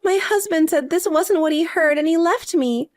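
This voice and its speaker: Whiny, desperate older sister, high-pitched and pleading, as a woman reads her. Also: moderate pace, a little mellow.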